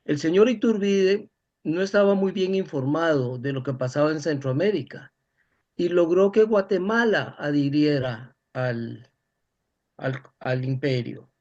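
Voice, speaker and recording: Higher-voiced Costa Rican man, explaining emphatically. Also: a little slow, a little mellow, lo-fi sound. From Costa Rica. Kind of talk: informal historical discussion.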